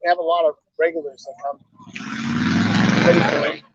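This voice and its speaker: A garage owner and car club president, middle-aged, talks easily and folksily during an outdoor interview at an evening car show. The voice is on the high side with a level tone and quick pace, and the dull lo-fi live stream recording is very noisy.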